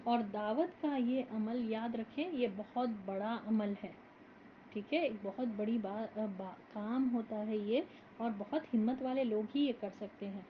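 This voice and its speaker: A woman teaching a Quran commentary lesson in a measured, explanatory way, mixing in English words. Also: on the high side, slight background noise. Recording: dull lo-fi recording.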